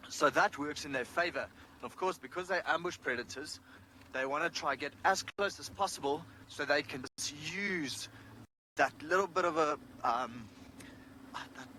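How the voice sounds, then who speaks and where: A man's voice: a little high, moderate pace, bright, forceful tone. A man giving informal live wildlife commentary as a safari guide, thinking aloud as he explains, outdoors in a vehicle. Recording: faint outdoor and vehicle noise. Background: outdoor ambience.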